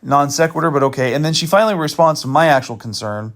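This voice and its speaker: With a somewhat bright voice on the high side, a channel host moves quickly through screenshots of a chat while exposing a scammer. His talk is casual, loose and meandering, with fillers, restarts and dry sarcastic asides.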